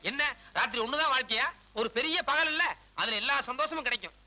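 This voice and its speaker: Glib loan officer, film comedy-drama: high, quick, talkative, pleading. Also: male voice, bright, forceful tone, heavily acted. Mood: coaxing, self-justifying. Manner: talkative, pleading, mixes in English words. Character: glib, fussy bank loan field officer and husband.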